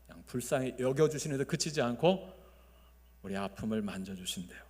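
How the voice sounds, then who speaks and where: Korean pastor preaching in an echoing sanctuary. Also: male voice, medium pitch, animated, fairly quick. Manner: swings between loud emphasis and soft, quiet phrases; leads the congregation in call-and-response. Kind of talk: sermon. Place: large church sanctuary. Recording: long reverb of a church sanctuary.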